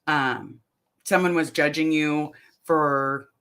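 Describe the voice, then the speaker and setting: A middle-aged woman vlogger chats casually on a live stream, reading viewers' comments aloud and rambling through her replies. Her voice is deep yet fairly bright in tone, and she speaks slowly.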